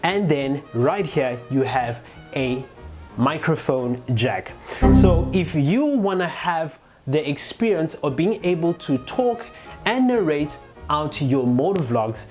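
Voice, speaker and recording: With music running in the background, this chatty motovlogger, whose sex is unclear, walks viewers through a gear tutorial in a relaxed how-to style. Their medium-pitched voice has lively intonation, a darkish tone and a slow pace.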